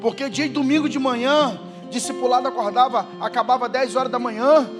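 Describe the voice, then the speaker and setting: A man preaching a Pentecostal sermon in church with a Brazilian Portuguese accent, moving from quiet, low talk to shouted proclamations. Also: steady tone, fairly quick, music in the background. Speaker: pastor.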